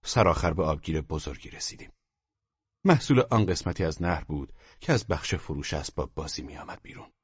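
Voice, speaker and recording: A deep-voiced man reads a literary novel in a calm, measured storyteller's delivery that often drops to a soft near-whisper. His tone is husky, and the recording is dry, dull and lo-fi. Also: dry recording. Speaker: audiobook narrator. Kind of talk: scripted literary narration.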